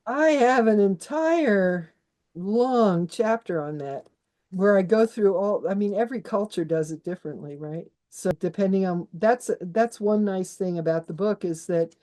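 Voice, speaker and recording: An Austrian-born woman, a guest author in a conversational interview, speaks at an unhurried pace in a medium-pitched, dark-toned voice. She talks freely and chattily, restarting often and laughing as she explains.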